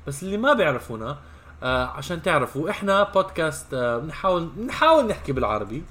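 Male podcast host, Levantine Arabic accent, quick casual delivery, informal with some English mixed in. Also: on the high side, big pitch swings, bright, forceful tone. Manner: informal, mixes in occasional English words. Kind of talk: casual conversational podcast chat.

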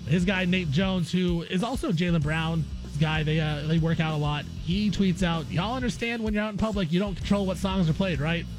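A man guest-hosts a sports talk radio show from a studio, offering opinionated commentary in a conversational way. His high voice moves at a moderate pace over music, and the audio quality is poor.

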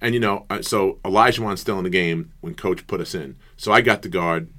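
A middle-aged man with a deep, low voice spins animated stories as an interview guest. He keeps them casual and rambling, and he acts out the quotes loudly. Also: a little fast. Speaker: guest, former college basketball player. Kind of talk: storytelling interview chat.

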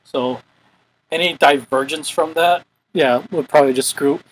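Rambling male podcast host, casual chat, a touch high, light background hiss. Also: moderate pace, poor audio. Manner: rambling, chatty.

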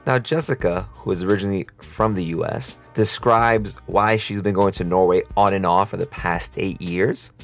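A man hosting a casual podcast interview, chatty and quick to laugh, often repeating words as he starts a question. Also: low voice, fairly even intonation, faint music behind. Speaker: podcast host.

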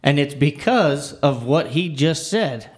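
A man co-hosting a casual Bible discussion, talking earnestly and haltingly, with frequent restarts and "you know". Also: a little high, animated. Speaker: Bible study podcast co-host.

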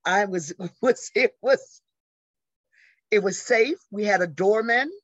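A woman in her sixties from the American South, guesting on an interview and telling stories in a lively way, acting out the people she quotes. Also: mid-range voice, slow pace, no room sound. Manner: animated storyteller who acts out quoted voices. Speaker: interview guest, arts educator. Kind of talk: conversational storytelling. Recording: dry, slightly dull lo-fi audio.

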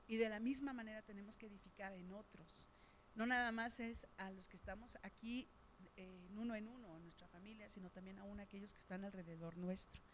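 A woman's voice: a little high, a little hiss or hum. A middle-aged woman with a Mexican Spanish accent, preaching a sermon in a conversational storytelling way, with frequent fillers.

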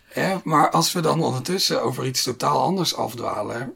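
A man's voice: mid-range voice, animated, moderate pace, vocal fry, a bit bright, husky. A man hosting a casual podcast conversation, circling through his phrases with repetitions. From Limburg, Netherlands. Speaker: podcast host. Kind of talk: casual interview chat.

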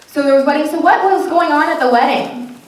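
A woman pastor with a high, brisk voice asks her congregation simple questions and repeats their answers back, keeping her language easy and encouraging, much like a children's message and sermon. Faint noise and strong echo fill the recording, taken by a distant mic indoors in a large reverberant church.

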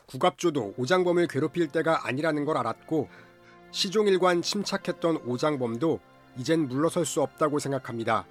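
A man's voice: fairly high pitch, fairly quick, soft background music. A man delivering scripted film recap narration in a formal storytelling manner.

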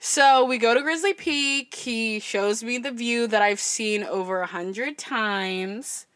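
A woman in her twenties from California, hosting a podcast and telling a story in a loud, chatty voice full of "like". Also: a little high, takes it slowly, no room sound, clean studio sound. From California, USA. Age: 20s. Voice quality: loud speaking voice. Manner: chatty, fills speech with "like" and "I'm just like". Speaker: podcast host. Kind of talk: casual storytelling.

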